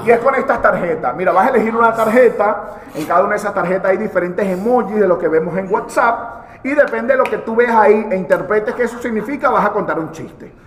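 A man with a Venezuelan accent, a comedian telling jokes on a live show. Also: fast. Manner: animated storyteller, swears often, repeats lines in high put-on voices. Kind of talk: joke telling. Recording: echoey hall.

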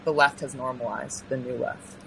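This young California woman speaks in a deep, husky, creaky voice with a sharp tone and fairly even intonation. As an interview guest she shares personal testimony earnestly and haltingly, pausing and restarting a lot. The recording is low quality.

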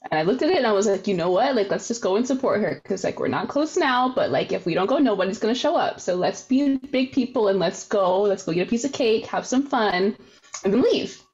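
A woman's voice: medium pitch, animated, fairly quick, a little mellow. A young woman co-hosting a casual chat podcast, retelling a story with heated emphasis. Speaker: podcast co-host. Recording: dull lo-fi sound.

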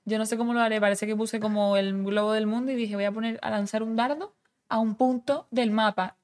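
Woman, podcast host, quick and teasing, bubbly interviewer. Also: fairly high pitch, steady tone, a little mellow. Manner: bubbly and teasing, asks questions.

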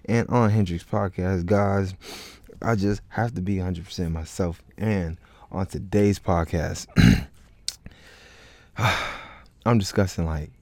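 A man from Florida, in the United States, hosts a solo podcast, rambling casually with frequent restarts and lots of "like, you know" fillers. His deep, darkish voice is steady and slow, with many pauses, recorded dry.

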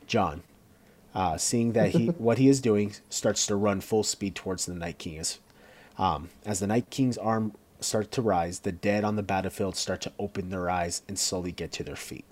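Male co-host with a lower voice, narrates the action scene by scene, stumbles and restarts. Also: moderate pace, darkish tone. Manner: reads along with fillers and self-corrections. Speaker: co-host recapping a TV episode. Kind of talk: casual scene-by-scene recap.

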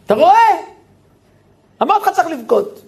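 A man putting on a shrill tearful mother. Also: very animated, creaky, heavily acted. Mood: triumphant.

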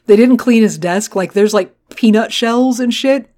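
A woman's voice: a little high, measured pace, a loud crowd. A woman co-hosting a podcast, recapping an episode in casual chat, swearing freely and acting out characters' lines. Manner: swears freely, acts out quotes. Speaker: podcast co-host.

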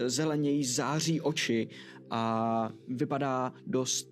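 A man narrating a tabletop game as game master, relaxed and hesitant with fillers. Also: mid-range voice.

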